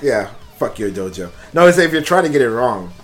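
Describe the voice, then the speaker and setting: A man in his thirties co-hosting a podcast, relaxed and joking, with casual swearing. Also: mid-range voice, fairly quick, faint music behind. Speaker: podcast co-host. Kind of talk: casual movie chat.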